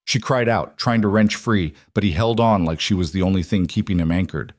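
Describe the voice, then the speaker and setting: Low-voiced male fantasy narrator. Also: no echo, clean studio sound. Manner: dramatic, measured storytelling. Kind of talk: scripted audiobook narration.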